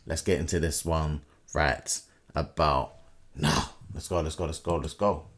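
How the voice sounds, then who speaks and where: A man's voice: very deep voice, steady tone, a little slow, fairly bright tone. A man hosting a reaction video, chatting casually and calling on viewers again and again. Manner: repetitive, keeps addressing viewers as people.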